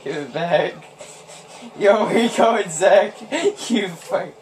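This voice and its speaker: A man's voice: high-pitched, slow. A young man chatting casually and swearing while playing a video game on a couch indoors. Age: teens or young adult. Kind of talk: casual gameplay banter with swearing. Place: small room indoors on a couch. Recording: noisy room recording with game audio.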